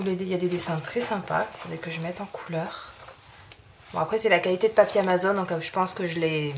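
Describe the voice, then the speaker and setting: A woman's voice: fairly low pitch, background noise. Chatty French woman rambling through a haul. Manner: rambling, many "euh" fillers and restarts. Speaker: craft youtuber showing art supplies. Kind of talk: casual haul video chat.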